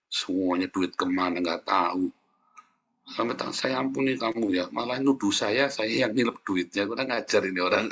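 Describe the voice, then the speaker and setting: A man preaching a sermon as a pastor, speaking in a lively, chatty way and often addressing listeners directly. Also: on the low side.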